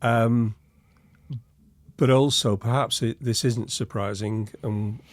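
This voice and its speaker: A man talking in a relaxed business conversation, measured and reflective, often saying "you know". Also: mid-range voice, dry recording. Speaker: business advisor in a review chat. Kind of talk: casual conversational chat.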